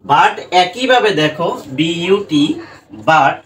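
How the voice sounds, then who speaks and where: Speaking slowly with lively intonation, a man teaches students English pronunciation, asking questions he then answers himself and repeating "right?" and "dekho." His voice is high-pitched and a bit bright, and the slightly distant recording has faint background noise.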